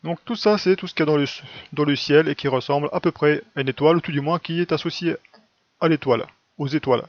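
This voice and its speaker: Fast and on the high side, a religious video teacher runs through an informal explanation in colloquial, teaching speech laced with "hein" and "quoi." The recording is dry, close up, and a little dull and lo-fi.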